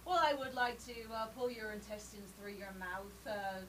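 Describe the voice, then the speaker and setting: A woman's voice: mid-range voice, moderate pace, distant mic, a little hiss or hum. A woman guest wrestler on a casual panel show, delivering theatrical, menacing taunts.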